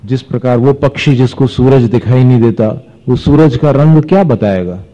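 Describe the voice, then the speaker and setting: A man's voice: medium pitch, mellow. A man teaching a class of listeners how to pronounce and recite verses, explaining each point and asking questions. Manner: explains pronunciation, chants verses slowly, asks the class questions. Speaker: religious teacher. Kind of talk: scripture recitation lesson. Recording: dull sound with long hall reverb.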